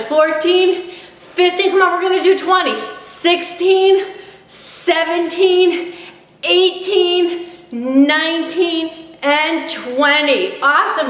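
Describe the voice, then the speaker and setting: High-voiced woman trainer, very echoey room, urging you through a workout and counting reps. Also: fairly bright tone. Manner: upbeat, encouraging, urging listeners on. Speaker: fitness instructor. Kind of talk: workout instruction, counting reps and cueing moves. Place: room in own house. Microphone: camera at a distance, self-filmed. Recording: echoey room, long reverb.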